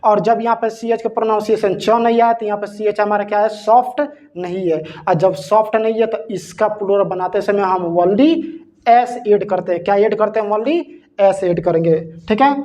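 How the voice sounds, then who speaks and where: A man's voice: high voice, fairly even intonation, normal speed, warm tone. A man teaching an English grammar lesson, asking rhetorical questions and spelling words out letter by letter. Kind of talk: classroom-style grammar lesson.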